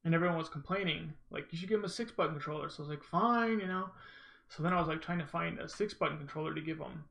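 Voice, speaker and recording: Bright, creaky-voiced man rambling over gameplay. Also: a little high, steady tone, very fast, slight background noise. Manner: rambling, informal, self-interrupting storytelling. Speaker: gamer, speedrunner commentating own run. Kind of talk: casual gameplay commentary.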